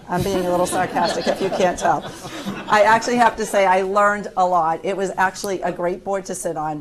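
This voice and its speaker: An American woman speaking as an insurance executive on a panel, measured and deliberate with a dry touch. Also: on the low side, gravelly. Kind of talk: panel discussion remarks. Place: conference room panel.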